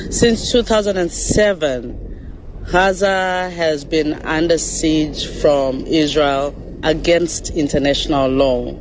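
Slow, measured man. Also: on the high side, noisy background. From South Africa. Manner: slow, measured, pausing with fillers. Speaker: writer and flotilla activist. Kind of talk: recorded statement.

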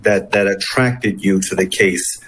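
A man hosting an interview, speaking haltingly with many fillers and restarts. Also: deep voice, steady tone, fairly bright tone, slight background noise, poor audio. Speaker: host.

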